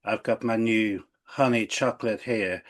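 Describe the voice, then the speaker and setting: A man's voice: fairly low pitch, fairly even intonation, a little slow. A man voicing a boastful, money-loving male influencer caller in a hammy put-on accent.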